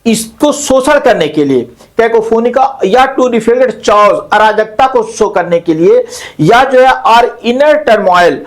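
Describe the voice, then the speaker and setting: Male lecturer, high voice, deliberate pace, pauses and corrects himself while explaining. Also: lively intonation. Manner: slow, explanatory, repeats terms and translates each into Hindi; frequent hesitation fillers and self-corrections. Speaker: English literature teacher. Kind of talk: classroom lecture mixing Hindi and English.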